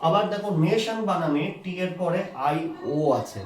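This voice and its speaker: A man's voice: high-pitched, moderate pace, slight background noise. A man teaching English pronunciation, patiently asking questions and answering them himself while explaining rules to students. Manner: patient, repeats points, asks and answers own questions. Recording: echoey room.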